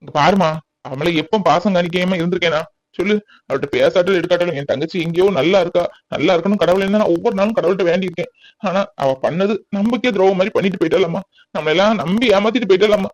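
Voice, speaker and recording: A man plays a wounded, stubborn elder brother in an animated family drama. His voice is fairly high and his words come quickly. The sound is dry and close. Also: no echo, lightly acted. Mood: resentful. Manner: firm, wounded, resolute. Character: stern elder brother, hurt and unforgiving. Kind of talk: cartoon voice acting.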